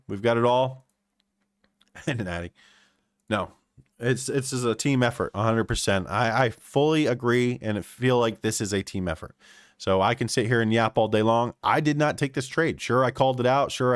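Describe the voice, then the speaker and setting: Animated man giving live chart commentary. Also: lowish voice, dry recording, clean studio sound. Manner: animated, repeats phrases for emphasis. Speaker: day trading streamer.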